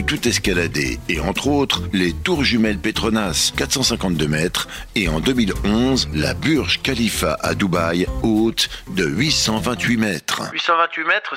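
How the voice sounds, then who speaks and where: Man, radio host, scripted chronicle, playful asides, bright tone, faint music behind. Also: mid-range voice.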